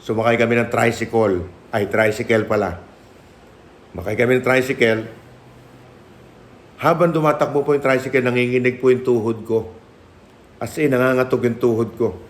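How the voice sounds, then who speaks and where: A middle-aged man preaching his own testimony in a sermon. He mixes Filipino with English and slips into the voices of the people in his story. His pitch sits in the middle range for a man. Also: fairly even intonation, normal speed, long pauses.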